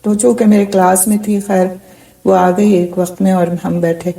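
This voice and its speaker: A middle-aged woman gives an earnest Quran commentary lecture. Her voice is dark and mellow, with a gravelly edge. She sits a little back from the mic. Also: medium pitch, level tone, recorded from a distance, poor audio. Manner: earnest, storytelling teacher. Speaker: Quran teacher.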